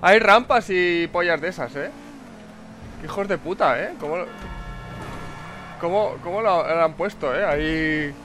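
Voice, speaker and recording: A man from Spain commentating his own racing game live, excitable and swearing, repeating words in rapid bursts. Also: a little high, soft background music. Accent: Spain Spanish. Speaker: gameplay commentator. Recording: faint game noise behind.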